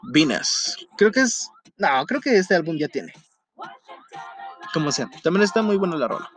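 High-voiced young Mexican man telling a story. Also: moderate pace. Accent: Mexico City Spanish. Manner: animated, slangy, laughs often, jumps to falsetto in retellings. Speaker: vlogger. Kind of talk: casual storytelling. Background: faint music.

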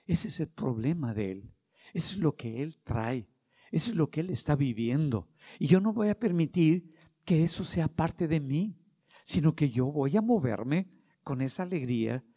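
A middle-aged man delivers a sermon in a mellow, warm voice. He leans into key phrases with rising force and slips into short acted dialogues to make his point. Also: fairly high pitch, expressive, normal speed, husky. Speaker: preacher.

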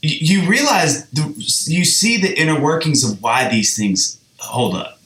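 Animated podcast host, bright and lively. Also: male voice, a little high, a little slow, roomy sound. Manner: animated, laughs easily, stumbles and restarts. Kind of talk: casual music chat.

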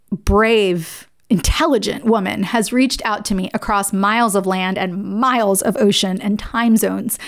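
A middle-aged woman hosting a podcast interview, effusive and enthusiastic in how she talks. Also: medium pitch. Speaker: podcast host.

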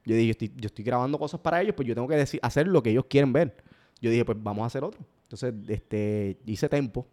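A man speaking as a guest in a casual conversation. He talks at a rapid clip and tells his stories with animated energy, often restarting his sentences in quick bursts. His pitch sits in a middle range. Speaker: guest, parody video creator.

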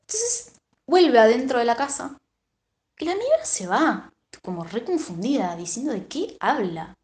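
Argentine woman podcaster, lively storyteller, slightly high voice, roomy echo. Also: normal speed. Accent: Argentine Rioplatense Spanish. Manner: animated, acts out the characters' lines. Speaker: podcast co-host. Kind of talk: casual retelling of a story.

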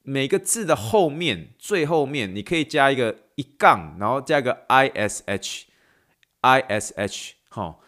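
A man's voice: medium pitch, lively intonation, a little slow, fairly bright tone. A man hosting a podcast, tired from recording late at night, who teaches in a playful way and mixes in English phrases. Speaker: podcast host and athletic trainer.

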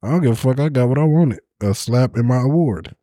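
A man's voice: medium pitch, animated, brisk, mellow, no echo, studio quality. A man bantering casually, with blunt, slangy and profane remarks.

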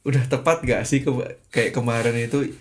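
A man's voice: mid-range voice, steady tone, moderate pace, slight background noise. Give me a young man in casual chat, rambling with lots of fillers and chuckles. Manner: rambling, heavy use of fillers, chuckles often.

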